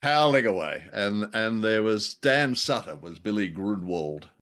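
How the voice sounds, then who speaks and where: A man co-hosts a relaxed podcast review, his voice sitting somewhat low. He talks in a wry, unhurried way and chuckles at his own remarks. It is an easygoing discussion between two hosts. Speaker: podcast co-host.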